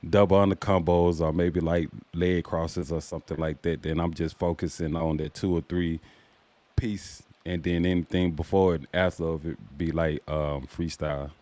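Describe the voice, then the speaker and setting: A man's voice: low voice, flat delivery, moderate pace, darkish tone. A man chatting casually as an interviewer, asking questions and sharing his own habits. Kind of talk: casual chat.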